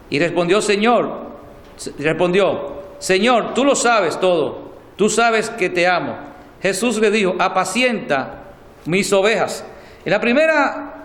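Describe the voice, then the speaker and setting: A man, a church elder preaching a Bible study sermon, reading scripture slowly and explaining it. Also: high-pitched, fairly bright tone. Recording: echoey church hall.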